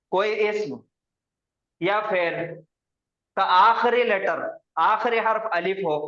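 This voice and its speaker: High-voiced man teaching in a roomy space. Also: a bit bright. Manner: drills pronunciation by repeating words slowly; patient, step-by-step explaining. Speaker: Quranic Arabic grammar teacher. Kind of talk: classroom lesson with students. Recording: roomy, dull lo-fi recording.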